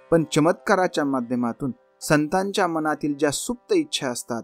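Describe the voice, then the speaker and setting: A man hosting a lecture-style talk, explaining stories and slowly, dramatically reciting devotional verses. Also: mid-range voice. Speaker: podcast host, lecturer on saint poetry.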